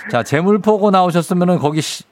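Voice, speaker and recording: A man's voice: high-pitched, fairly quick, a little mellow. A man hosting a live radio phone-in quiz, bantering informally and teasingly and often repeating himself. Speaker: radio quiz show host. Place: radio studio. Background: faint music.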